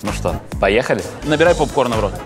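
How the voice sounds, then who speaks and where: A young man hosting a playful celebrity interview in a teasing, animated manner. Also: medium pitch, fast talker. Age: young adult. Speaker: host, entertainment reporter. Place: cinema premiere lobby press corner. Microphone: handheld reporter mic and lapel. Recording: music and crowd chatter behind.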